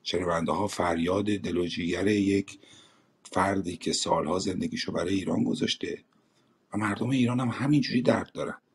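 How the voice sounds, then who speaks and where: A man's voice: low voice, husky. A man in an online voice room speaking persuasively in defense of another speaker. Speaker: voice room participant.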